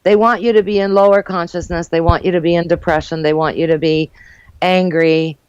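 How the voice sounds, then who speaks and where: An older woman, born in Uruguay and raised in New Jersey and New York, tells her story as a guest in a casual interview, warm and chatty with lots of fillers and laughs. Her voice is lowish, steady, brisk, clear and resonant. The recording is dry and dull.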